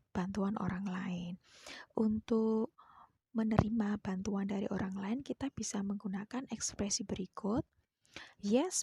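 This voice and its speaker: A woman teaching a classroom lesson in a husky, breathy voice with a gravelly edge. Her pace is slow and unhurried. She reads each English phrase carefully and then gives its translation. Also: mid-range voice, mellow, no room sound.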